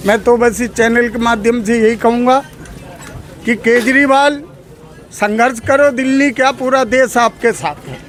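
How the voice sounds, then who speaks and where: A man's voice: very high voice, steady tone, unhurried. A man being interviewed on the street, speaking with passion and emotion and calling the reporter "brother" again and again. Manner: emotional, addresses the reporter as "bhai sahab" over and over. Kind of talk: impassioned street opinion. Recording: loud crowd noise outdoors.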